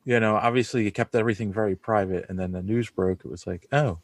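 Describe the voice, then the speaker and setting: A man's voice: fairly low pitch, fairly even intonation, quick pace, dry recording. A man in his forties hosting a casual podcast over a video call, rambling and laughing often. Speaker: podcast host. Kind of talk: casual chat. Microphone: recording over a video call.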